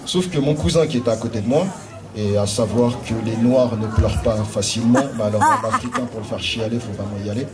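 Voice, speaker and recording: A man's voice: fairly low pitch, fast talker, over music. A man from France doing stand-up, telling a story in a casual, anecdotal way with hesitant fillers. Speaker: stand-up comedian. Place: live stage before an audience. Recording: distant mic over a loud audience.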